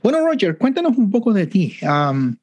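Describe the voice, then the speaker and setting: A man hosts a relaxed conversational interview, his voice fairly high for a man and husky. He talks in a friendly, animated way. The sound is dry and close, with no room around it. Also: normal speed, dry recording, highs cut off. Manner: friendly, animated storytelling with easy laughs. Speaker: podcast host.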